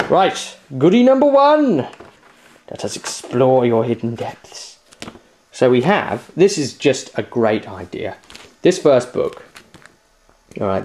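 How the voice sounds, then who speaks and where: With a mid-range, darkish voice, a man hosts a tabletop game review show, doing a casual unboxing to camera. He's chatty and jokey, adding playful theatrical flourishes.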